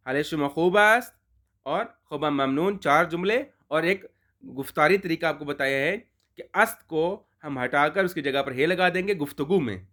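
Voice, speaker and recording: A man teaching a beginner language lesson from a textbook, slowly drilling phrases and repeating words for practice. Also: on the high side, fairly bright tone.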